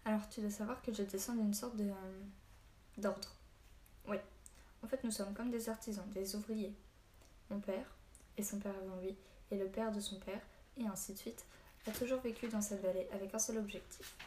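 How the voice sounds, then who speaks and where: A woman reads a gruff old hermit who tells stories slowly and loses his temper quickly. The delivery is mellow and even, with little rise and fall. The audiobook recording carries room echo and a faint hiss. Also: medium pitch, natural voice. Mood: grave. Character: old male hermit storyteller, stern and short-tempered. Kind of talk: audiobook reading.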